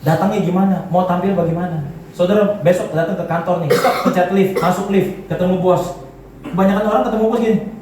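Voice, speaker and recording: A man's voice: sits high, fairly even intonation, brisk, a little mellow, slight background noise. A man, a pastor, giving a joking and conversational sermon to a congregation and leading them in gestures. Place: large church hall. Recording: echoey hall, voice from far off, faint music.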